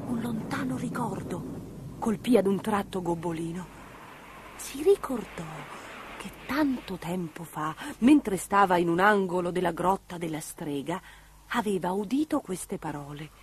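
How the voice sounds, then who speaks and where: A woman narrating a children's storybook with an expressive, lively reading. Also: fairly low pitch, a little slow, a little hiss or hum.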